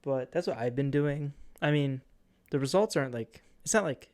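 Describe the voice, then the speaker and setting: A man's voice: medium pitch, normal speed, darkish tone. A young man co-hosting a podcast, telling stories in a rambling way, full of fillers and restarts. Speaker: podcast co-host. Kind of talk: casual chat.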